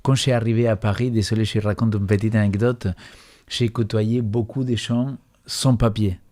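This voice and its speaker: A man's voice: on the low side, steady tone, moderate pace, a little mellow. A man on a Bible study panel who tells anecdotes with emphasis and often repeats words as he talks. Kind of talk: religious panel discussion.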